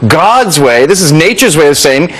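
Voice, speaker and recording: A man with a high, lively voice argues in a heated television debate. He is blunt and provocative, and his pitch swings widely. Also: normal speed.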